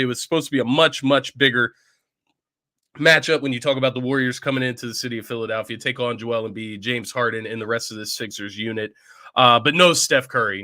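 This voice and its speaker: A man hosting a casual pregame sports talk show from home. He sounds congested and chatty, and he often tags his points with a quick question to the listener. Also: mid-range voice, sharp tone, dry recording. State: congested from illness.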